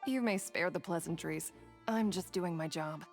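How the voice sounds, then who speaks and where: A woman's voice: fairly low pitch, normal speed, soft background music, close to an everyday voice. A woman voicing a stern, formal female guard officer in a video game, curt and clipped. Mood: cold. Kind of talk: game voice acting.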